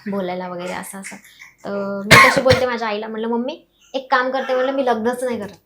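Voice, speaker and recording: Young woman, rapid emotional life story, somewhat high voice. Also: steady tone, noisy background. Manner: fast, emotional, acts out quoted family members. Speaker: guest telling her life story.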